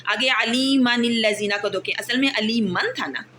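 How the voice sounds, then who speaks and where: A woman teaching a tajweed lesson, patient, often checking that students understand, and slowly drawing out recited words. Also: a little high, pushed and bright, a little hiss or hum.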